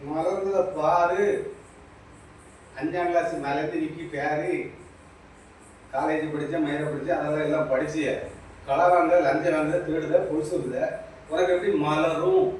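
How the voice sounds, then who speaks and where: A man's voice: a little high, measured pace, long pauses, darkish tone. Man, spiritual teacher, repetitive preachy delivery; distant, echo-heavy recording with faint noise. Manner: preachy, repetitive, addresses listener directly. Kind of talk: impromptu spiritual talk. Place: small shop.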